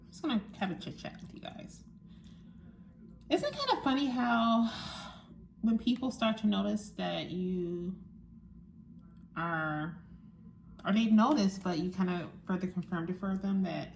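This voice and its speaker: A woman's voice: lowish voice, creaky, a little mellow, slight background noise. A young woman chatting casually to her viewers, talking while she eats, frank and musing. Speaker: vlogger. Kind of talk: casual chat to camera.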